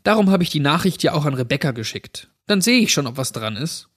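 A man's voice: very animated, quick pace. A man voicing a mischievous, defiant teenage girl in a told story, in a raised, girlish voice. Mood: defiant, flippant. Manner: higher, girlish put-on voice. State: crying.

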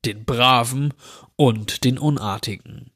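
A man voicing a menacing male intruder who grants children's wishes, speaking slowly with a drawl. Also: medium pitch, fairly bright tone. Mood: mocking. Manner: slow, drawling, sinister.

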